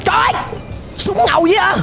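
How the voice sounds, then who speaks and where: A man gives excited reaction commentary, often shouting and dropping English exclamations. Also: very high-pitched, quick pace, soft background music. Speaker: YouTuber reacting to an animated series.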